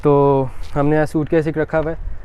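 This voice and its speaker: A man with a Pakistani Urdu accent giving a relaxed walkaround review of a car outdoors, slipping English phrases into his talk. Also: on the high side, moderate pace, highs cut off, slight background noise. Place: outdoors beside a parked car.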